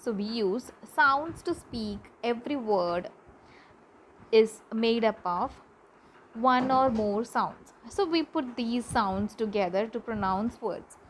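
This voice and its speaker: Lady teacher, slow, kinda high voice, faint hiss behind. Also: poor audio. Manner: slow, repeats words for pronunciation practice. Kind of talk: classroom lesson. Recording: faint background noise.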